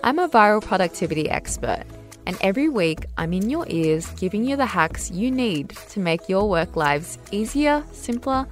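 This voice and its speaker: Female advice-podcast host, upbeat and tidy like a vlogger, animated intonation, scripted read over music. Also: mid-range voice, normal speed. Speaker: podcast host, productivity expert.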